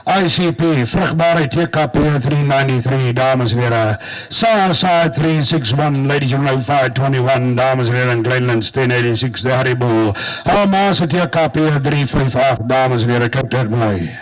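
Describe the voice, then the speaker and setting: Switching between two languages, a man with a South African Afrikaans accent works a livestock auction, calling bids in a rhythmic, repetitive chant and adding commentary. He has a medium pitch and moderate pace, captured in poor audio.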